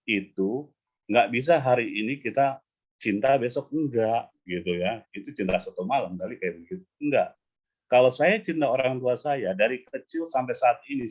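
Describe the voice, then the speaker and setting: A male coach in a relaxed online class, talking through grammar points and slowing down to repeat each example. His voice sits at an ordinary middle pitch, heard over a video call. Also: lo-fi sound. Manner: explains patiently, repeating examples slowly. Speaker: English coach. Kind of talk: casual online English lesson.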